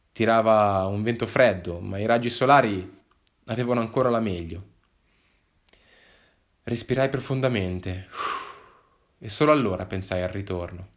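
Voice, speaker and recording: A man narrating a first-person story in a wry, measured, expressive way. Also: fairly low pitch.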